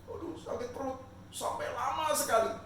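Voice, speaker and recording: A man, a pastor and father, telling a Bible story to children at home in a lively, acted-out way. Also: extremely high pitch, normal speed, a little hiss or hum. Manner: lively, animated, acts out scenes. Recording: echoey room, mic far off.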